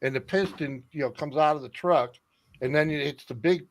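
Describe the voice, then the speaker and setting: A man's voice: on the high side, normal speed. Rambling, sweary man in casual chat.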